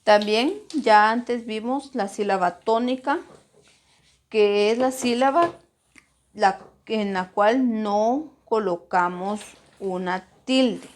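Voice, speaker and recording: A woman teaching a primary school grammar lesson, slowly and deliberately, stressing syllables as she models words. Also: medium pitch, slight background noise.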